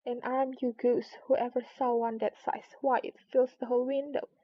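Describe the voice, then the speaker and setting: A woman's voice: on the high side, flat delivery, moderate pace, close to an everyday voice. A woman voicing an angry, bossy male rabbit from a storybook, scolding and commanding. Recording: dull lo-fi recording.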